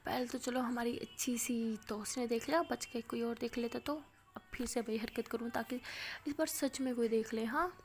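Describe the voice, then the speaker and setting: A woman's voice: on the high side, fairly even intonation, moderate pace, close to an everyday voice. A woman voicing a hot-tempered college girl in love. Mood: hushed teasing. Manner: teasing, then loud and indignant when provoked.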